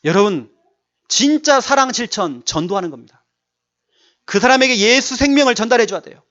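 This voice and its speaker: A man's voice: very high-pitched, animated, brisk, a bit bright. A male pastor preaching a sermon, emphatic and repeating his key words to urge the congregation on. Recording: dull lo-fi church recording.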